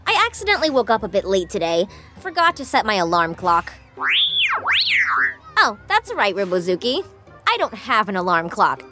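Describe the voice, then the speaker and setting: A woman's voice: mid-range voice, big pitch swings, moderate pace, pauses often, over loud music, natural voice. A woman playing a smug, mock-innocent female villain who loves chaos, in a children's audio story. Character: gleeful, smug female mischief-making villain.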